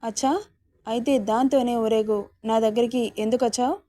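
A woman's voice: on the high side, fairly even intonation, moderate pace, warm tone, no room sound, natural voice. A woman voicing a jealous, sulky young woman in a romance story, speaking in a pouting, sulky way.

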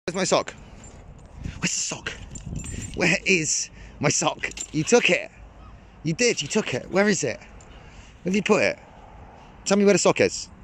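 A young man vlogging his fishing trip outdoors beside a ditch, talking excitedly and rambling to a camera set on the bank. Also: on the high side, unhurried, long pauses, slight background noise. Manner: excitable, rambling, lots of fillers. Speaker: angling vlogger. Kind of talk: casual chat to camera.

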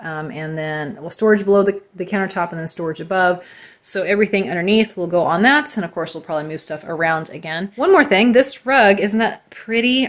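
A woman in her thirties chatting casually as she walks through her homestead rooms, explaining things step by step. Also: on the low side. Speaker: homesteader vlogger. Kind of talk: casual show-and-tell. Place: small indoor utility room.

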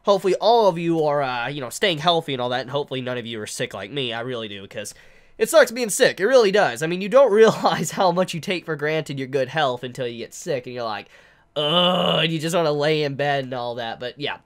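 Speaking a little fast with a rather high, animated voice, a man in his twenties reviews a manga chapter on camera despite flu congestion. He stammers over invented terms and rambles, filming indoors in a living room that has a couch.

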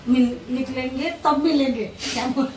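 A woman's voice: high voice, fairly even intonation, measured pace. A woman chatting to her viewers in a casual home vlog, talking them through her day. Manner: chatty, addresses viewers directly. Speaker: family vlogger. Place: at home indoors. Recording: echoey room, faint background noise.

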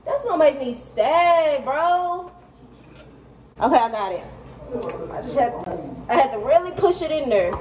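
Holding her phone camera in her kitchen at home, a young vlogger talks chattily to "y'all" as she cleans up. Her high-pitched voice is expressive with a darkish tone, and she speaks unhurriedly, pausing often.

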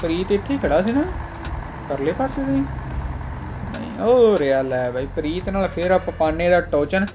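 A man's voice: sits high, lively intonation, fairly quick, a little mellow. A young adult man records a casual gameplay voice-over. He banters along, tossing out exclamations and saying short phrases several times over. Music plays behind him. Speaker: gaming video creator.

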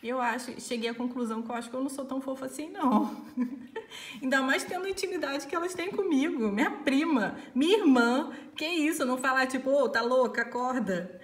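A woman's voice: high-pitched, a little fast. A young woman, a bride chatting casually for her vlog and laughing often. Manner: giggly, laughs often, animated. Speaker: bride and vlogger.

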